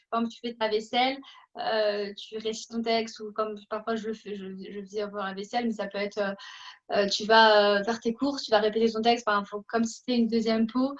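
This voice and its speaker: In a fairly high voice, a woman hosts a casual interview about acting, speaking hesitantly with lots of fillers and restarts. The recording has a dull, lo-fi sound.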